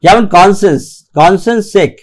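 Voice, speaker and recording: A man teaching English grammar in a recorded lecture, reading rules aloud slowly and keeping checking that the class follows. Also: sits high, a little mellow. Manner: slow and deliberate, reads English rules aloud, keeps checking "ঠিক আছে?".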